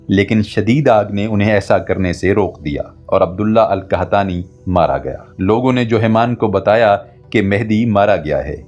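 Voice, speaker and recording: A man reading a scripted historical documentary narration in a steady, even manner. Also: fairly low pitch. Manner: steady, even-paced storytelling.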